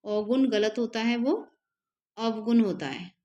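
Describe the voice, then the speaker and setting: A woman teacher runs an exam-prep spelling lesson. Her voice sits a little high, and her pace is slow and deliberate. She repeats each word patiently so her students can follow along. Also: warm tone, highs cut off. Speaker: Hindi teacher.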